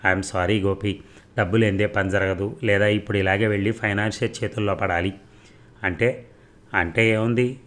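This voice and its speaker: A man voicing a scheming, smooth-talking business partner who mocks the people he has cheated, in a cool, unhurried manner. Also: on the low side, steady tone, fairly bright tone, lightly acted. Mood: mocking.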